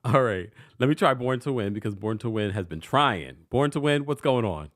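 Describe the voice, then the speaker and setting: A man hosting a call-in recap show, relaxed and quick to laugh, keeping his replies short. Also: mid-range voice. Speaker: host.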